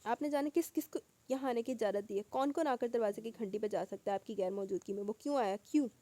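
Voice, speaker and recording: A woman voicing a fiery, sharp-tongued young wife in a storybook reading, scolding and sarcastic. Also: on the high side, no echo, close to an everyday voice. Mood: indignant.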